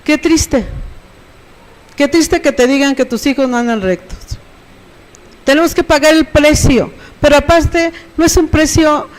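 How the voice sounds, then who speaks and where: A middle-aged Mexican woman preaches a sermon from the pulpit. She speaks with a Mexican accent and keeps drawing in her congregation with quick rhetorical questions. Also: high-pitched, poor audio. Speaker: pastor.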